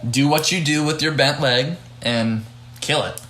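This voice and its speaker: A man's voice: a little high, a bit bright, echoey room. A young man hosting a casual podcast, chatting loosely as a judge with frequent restarts and hedges. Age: young adult. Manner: halting, hedging, many restarts.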